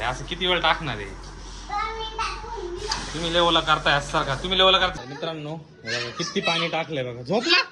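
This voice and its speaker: Lively man chatting over loud noise. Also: on the high side. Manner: chatty, addresses viewers, scolds kids half-laughing. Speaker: family vlogger filming his children. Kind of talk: casual family vlog narration. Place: at home, indoors.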